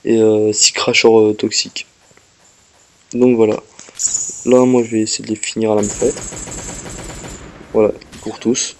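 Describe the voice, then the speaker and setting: While playing, a man offers laid-back walkthrough commentary, explaining each move to viewers and addressing the game directly. He's slightly ill and coughs. His low-ish voice stays level at a normal speed with long pauses, and a little hiss or hum can be heard.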